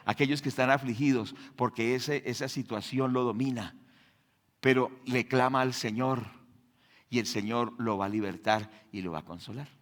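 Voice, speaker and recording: A man preaching a sermon in church, firing rhetorical questions at the congregation and swinging between loud and hushed delivery. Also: mid-range voice, moderate pace. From Colombia. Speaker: pastor.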